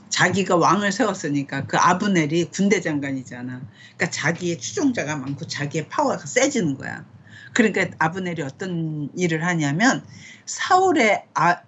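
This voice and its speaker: Middle-aged woman, conversational Bible teacher, low and breathy, muffled home recording. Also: expressive, normal speed, a little hiss or hum. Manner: conversational, asks questions, reads scripture aloud. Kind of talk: casual bible study teaching.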